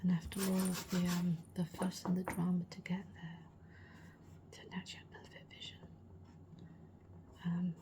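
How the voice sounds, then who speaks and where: A middle-aged woman, chatting in a soft rambling whisper as an ASMR creator, her voice slightly worn and gravelly. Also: fairly low pitch. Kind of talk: whispered role-play.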